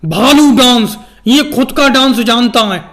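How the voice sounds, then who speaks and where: A brash street showman with a dancing bear, played by a man hawks to the village crowd in a very high, squeaky cartoon voice. He answers requests with curt, bossy retorts, and the whole figure stays comic and cocky. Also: unhurried. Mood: brusque. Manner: loud hawking calls, brusque retorts.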